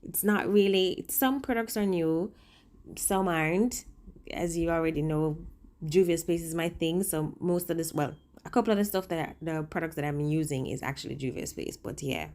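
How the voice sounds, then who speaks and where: A woman with a low-pitched voice talks casually through a makeup tutorial, speaking with a swollen lip. She is chatty and informal, drifts into little asides and leans hard on her favourite words for emphasis. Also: normal speed, darkish tone. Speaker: makeup vlogger and working makeup artist.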